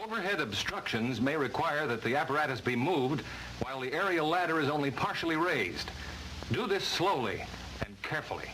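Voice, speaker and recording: A man's voice: fairly high pitch, very animated, a little fast. An American man narrating a vintage 1950s-style instructional film from a script, with a formal, emphatic delivery. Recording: noisy vintage training film soundtrack.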